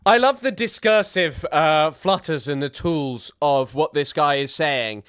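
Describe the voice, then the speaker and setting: This man speaks at a fairly high pitch and an unhurried pace, his voice clear, resonant, and fairly bright. Reacting to a clip in casual commentary, he rambles sarcastically and keeps restarting his sentences.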